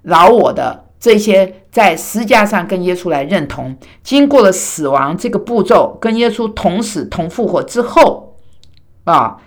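A woman from Taiwan preaching a sermon in a lively, chatty way, with many fillers and side remarks. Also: on the low side, unhurried.

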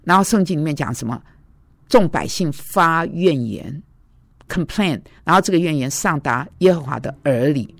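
A woman's voice: deep voice, lively intonation, moderate pace, gravelly, no room sound, studio quality. A woman preacher giving a conversational, storytelling sermon, recounting arguments and dialogues from her own life.

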